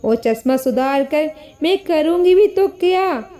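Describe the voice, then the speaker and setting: A meek elderly mother-in-law speaks softly and sadly in a high voice, as a woman narrator plays her. She pleads gently, hurt but never angry, a tender storybook grandmother. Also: expressive, a little slow. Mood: sad, pleading. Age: older. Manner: soft, pleading, sorrowful.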